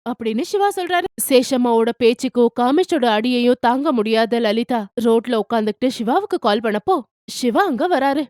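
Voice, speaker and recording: A woman narrating a cartoon bedtime story in a steady, expressive way. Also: fairly high pitch, moderate pace, dry recording, studio quality.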